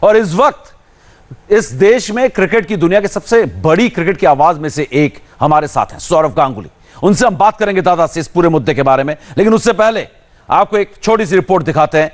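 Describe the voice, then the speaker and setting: A man anchoring a cricket show on TV, talking in an energetic, emphatic presenter manner. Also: on the high side, fairly quick. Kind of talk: TV news anchoring.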